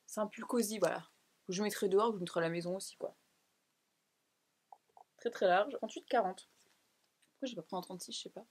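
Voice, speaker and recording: A woman's voice: medium pitch, brisk, pauses often, breathy edge. Chatty young Frenchwoman showing off a clothing haul. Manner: chatty, excitable, laughs often, drops into asides. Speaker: fashion vlogger. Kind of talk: casual haul vlog chat.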